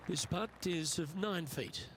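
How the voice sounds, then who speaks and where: Higher-pitched male golf commentator. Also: unhurried, a bit bright, slight background noise. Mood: measured, upbeat. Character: measured, upbeat male television golf commentator. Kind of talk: golf commentary in a video game. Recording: music and crowd behind commentary. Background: music, crowd.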